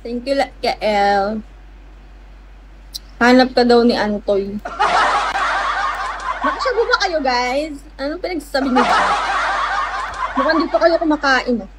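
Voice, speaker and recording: A woman with a high-sitting voice hosts a casual livestream, speaking a little slowly and pausing often. She's playful and teasing, greeting viewers by name and chatting with them. Steady background noise runs under the recording.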